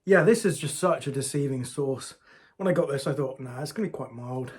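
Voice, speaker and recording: Husky-voiced man chatting through a sauce review. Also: mid-range voice, fairly quick. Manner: chatty, talks straight to viewers as "guys". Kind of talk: casual food review vlog.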